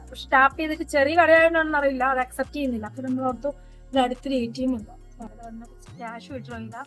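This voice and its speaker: A woman's voice: high-pitched, fairly bright tone. A woman chatting casually to camera as a travel vlogger.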